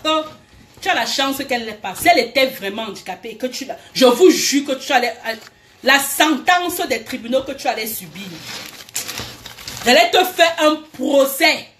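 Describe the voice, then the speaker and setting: A woman's voice: high-pitched, lively intonation, normal speed, fairly bright tone. A woman vents in a furious direct-address rant. She talks in heated bursts, throws accusations and repeats her lines. A faint hiss sits under her voice. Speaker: vlogger.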